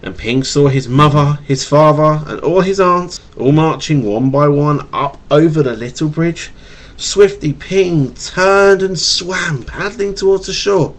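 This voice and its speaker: A father reads a picture book to his child at bedtime in a fairly high voice, going a little slow. A stutter makes him trip over words and repeat them. It's a webcam recording made at home.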